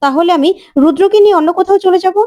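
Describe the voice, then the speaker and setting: Defensive scheming young wife, voiced by a woman storyteller, high and mellow. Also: rapid-fire. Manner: defensive, pleading.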